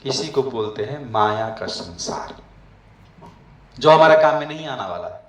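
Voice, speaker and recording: Speaking expressively at medium pitch and a measured pace, a man from Nepal preaches a devotional talk to migrant workers. He often turns to the audience with questions as they gather in a room abroad. The sound is distant and echoey.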